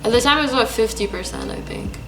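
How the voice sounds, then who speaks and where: A young woman from Lebanon earnestly telling a personal story in a vlog, pausing often with hesitant fillers. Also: fairly high pitch, vocal fry, low-quality recording. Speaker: vlogger. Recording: music playing behind.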